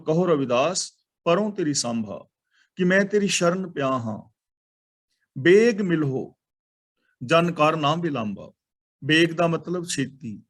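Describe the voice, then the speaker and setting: A man teaching the meaning of devotional verses, chanting each line slowly and then explaining it word by word in measured prayer phrases. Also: fairly high pitch. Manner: repeats phrases in measured, pleading prayer lines. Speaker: Sikh scripture teacher.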